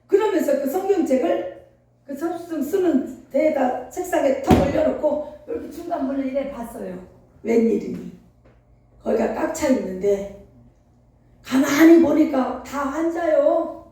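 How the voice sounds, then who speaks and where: A woman pastor with a high, mellow voice preaches an animated storytelling sermon, laughing as she acts out scenes. She is heard from a distance, with heavy reverb from the church hall. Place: church sanctuary. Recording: echoey hall, distant mic.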